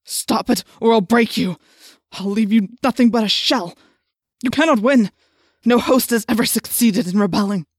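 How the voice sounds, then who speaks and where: A cruel, menacing man whose mind is held by an alien parasite, as a woman puts him on for an audiobook. He snaps out threats and orders in a lowered, darker tone. The recording is close and dry. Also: normal speed, no echo, natural voice. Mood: commanding. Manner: threatening, snapping commands. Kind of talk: audiobook character voice.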